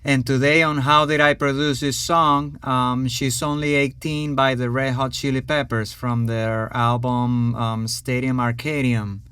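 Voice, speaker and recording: Slow-talking man in a home studio. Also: medium pitch, clean tone, dry recording. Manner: relaxed, hesitant, many fillers. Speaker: home recording host. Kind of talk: casual tutorial talk.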